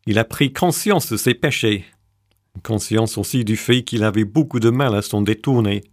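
A man hosting a Bible reflection show, reading his scripted narration in a measured, composed way. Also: lowish voice, no room sound, clean studio sound. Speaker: radio show host.

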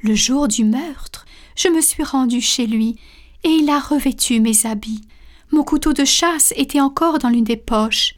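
A woman's voice: high voice, unhurried. A woman voicing a young man confessing a crime in a storybook reading, earnest and direct. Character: young man, guilty twin brother, pleading.

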